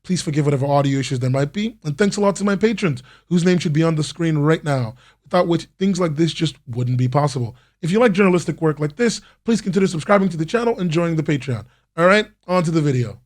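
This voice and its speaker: A man's voice: on the high side, expressive, quick pace, darkish tone. A man hosting a channel, asking loose, rambling questions with lots of fillers in a casual interview.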